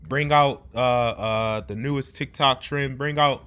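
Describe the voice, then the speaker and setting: A man preaches in a loose, conversational way. He rambles, restarts often, and keeps checking in with "right?". His voice sits at an ordinary middle pitch. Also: measured pace, fairly bright tone, smooth. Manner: rambling, many fillers, rhetorical "right?". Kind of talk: informal sermon.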